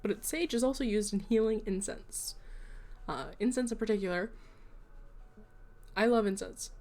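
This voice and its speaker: A woman's voice: mid-range voice, normal speed, dark tone. Chatty woman streamer rambling with asides. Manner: rambling and self-deprecating, with frequent asides; chatty and explanatory, addressing viewers. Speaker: livestream host. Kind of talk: casual livestream chat.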